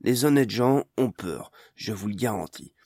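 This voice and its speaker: A harsh male agitator who declaims with hard indignation, voiced by a man reading an audiobook near his own voice. The voice sits low with lively swings and a dry sound. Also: normal speed, dry recording. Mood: indignant.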